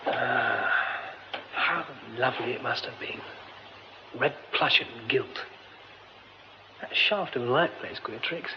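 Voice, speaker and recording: In an old radio drama with dull sound and hiss, an actor voices the lead, a young theatre man exploring a derelict theatre. His medium-pitched voice is slow and natural, with long pauses, as he mutters wryly to himself in a musing mood, later breaking into frantic stammering under strain.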